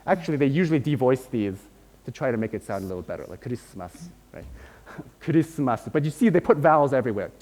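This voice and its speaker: A man's voice: medium pitch, lively intonation, quick pace, a little mellow. Man lecturing in an echoing hall. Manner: explains patiently, checks in often with "right?" and "okay?". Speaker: linguistics lecturer. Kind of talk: university lecture. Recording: long hall reverb.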